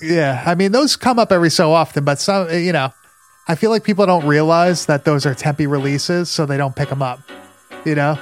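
Over soft background music, a man with a fairly high voice talks at a moderate pace as a podcast co-host. He chats casually about horror movies, emphatic and repetitive, using plenty of slang and swearing.

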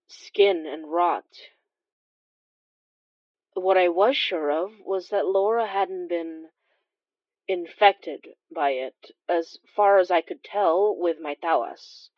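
In this horror audio drama, a woman voices a wry, observant immigrant healer, narrating confidingly and at a measured pace with dramatic pauses. Her voice sits lowish, and the lo-fi recording has no echo. The mood is uneasy and brooding.

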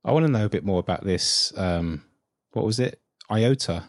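A man's voice: on the low side, lively intonation, normal speed, no echo. A man co-hosting a podcast, asking long, rambling follow-up questions. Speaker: podcast co-host. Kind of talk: casual interview chat.

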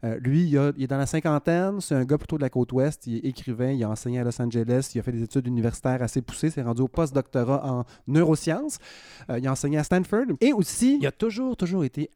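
Playful Quebec French columnist, mellow voice. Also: male voice, medium pitch, fast, dry recording, studio quality. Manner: playful, ironic, wandering asides. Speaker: podcast columnist. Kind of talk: casual chronicle chat.

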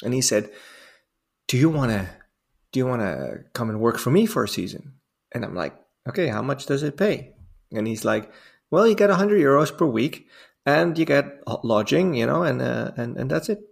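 Dutch guy in his 40s, gravelly voice, rambly chatty podcast guest laughing at his own stories. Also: medium pitch, animated, normal speed. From Netherlands. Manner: rambling, self-amused storytelling with frequent fillers. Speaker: guest diving instructor. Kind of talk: casual podcast interview.

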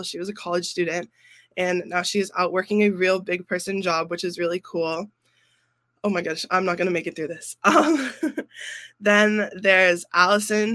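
A young man with a high, bright voice talks on a podcast, heard close and dry. He is effusive and emotional. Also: dry recording. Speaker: graduating student council member. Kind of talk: casual podcast chat.

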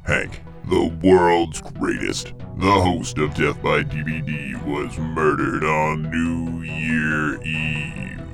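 A very low-voiced man narrates in the manner of an old radio drama. He takes his time, delivering the scripted mystery recap theatrically with suspenseful pauses over music. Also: gravelly.

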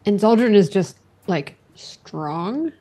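A woman with a husky voice chatting casually as a player in a tabletop game. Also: mid-range voice, expressive, slow, mellow.

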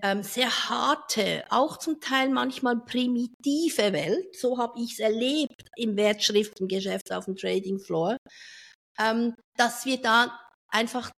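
A middle-aged woman, chatting in an interview about her work as a speaker, lively and talkative and quick to laugh. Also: a little high, vocal fry. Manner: lively and talkative, drifts off topic, laughs often. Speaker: event speaker and finance professional. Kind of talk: casual interview chat.

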